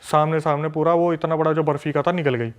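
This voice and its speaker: A podcast guest, a man from a city, telling a story in an animated, emphatic way with lots of repetition. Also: a little high, fast talker, smooth. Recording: dull lo-fi recording.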